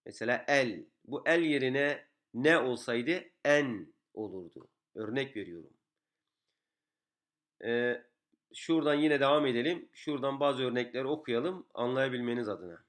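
A man's voice: medium pitch, lively intonation, moderate pace, a bit bright. Patient man drilling syllables. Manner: patient, repeats each syllable several times. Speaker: Quran reading teacher. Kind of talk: step-by-step lesson, explaining and drilling syllables.

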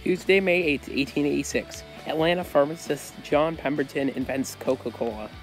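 A man's voice: on the high side, moderate pace. A teenage young man reading scripted narration for a history segment. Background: light background music.

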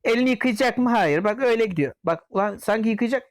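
High pitched guy doing let's play commentary, jokey mock yelling at customers, dry sound. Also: fast, no echo. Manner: playful, jokingly scolds and yells at game customers. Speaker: gameplay commentator.

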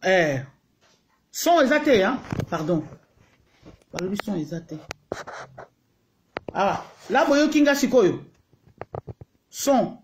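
High-voiced Congolese man streaming live. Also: very animated, slow pace, long pauses, slight background noise. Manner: repetitive, greets viewers one by one; mixes French and Lingala, heated. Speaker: livestream host. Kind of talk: casual live-stream talk to viewers.

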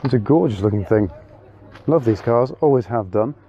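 A man's voice: mid-range voice, lively intonation, normal speed, lo-fi sound, slight background noise. A man giving casual, enthusiastic walkaround commentary at an outdoor car meet, thinking aloud with small fillers as he goes. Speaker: car vlogger.

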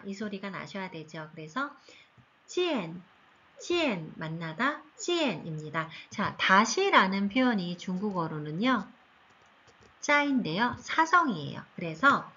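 Female language teacher for an online seniors' class, slow and patient, lively pitch, slightly husky. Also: highs cut off. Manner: slow, patient, drawn-out tone demonstrations. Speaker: Chinese teacher. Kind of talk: recorded online lesson for seniors.

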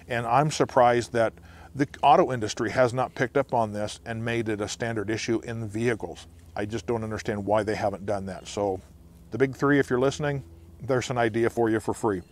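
Hosting an informal outdoor preparedness explainer, a sixty-something American man addresses the camera in the woods, wearing a lapel mic. He talks a little fast in a mid-range voice with a steady tone.

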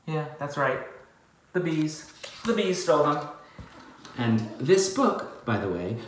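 Playful man reading a picture book aloud. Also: mid-range voice. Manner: playful, animated storytelling with asides. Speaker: children's book author. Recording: very echoey room.

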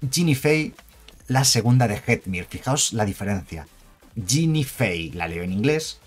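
Low-voiced chatty man with a Spain Spanish accent. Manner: chatty and emphatic, jokes and asides. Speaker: card game video creator. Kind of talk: casual card review commentary.

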